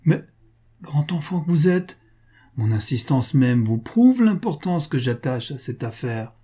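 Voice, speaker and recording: A man's voice: fairly high pitch, big pitch swings, measured pace, dark tone, slightly rough, voice pushed up, heavily acted. A man voicing a cynical wealthy male financier who coaxes with false affection and cold insistence. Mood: wheedling. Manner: wheedling, mock-jovial, coldly insistent.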